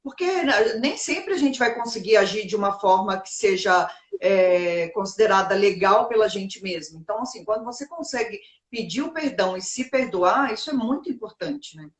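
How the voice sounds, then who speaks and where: A woman's voice: mid-range voice, expressive, moderate pace, reverberant. A woman hosting a casual live self-help talk, reflective and prone to asking herself rhetorical questions. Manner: reflective, poses rhetorical questions and answers them.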